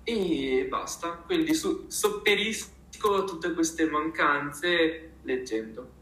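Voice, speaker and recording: A man speaking emphatically and expressively in a casual interview, with halting phrasing and repeated words. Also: on the high side, sharp tone. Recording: roomy, echoing sound.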